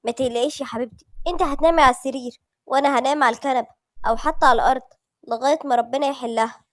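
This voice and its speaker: A woman with an Egyptian accent voicing a calm young husband who speaks softly and soothingly. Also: racing, no room sound, natural voice. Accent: Egyptian Arabic. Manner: soft, low, soothing.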